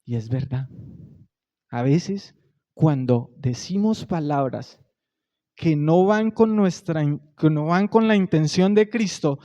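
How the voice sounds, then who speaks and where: A man, preaching a Sunday sermon in a conversational way, rising to loud emphasis and dropping to quiet, soft lines. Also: on the high side, slow pace, dull audio. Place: church sanctuary.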